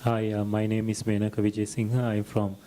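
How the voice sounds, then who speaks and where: A man's voice: fairly low pitch, monotone, fairly quick, warm tone, slight background noise. A man from Sri Lanka introduces himself steadily and earnestly at a workshop.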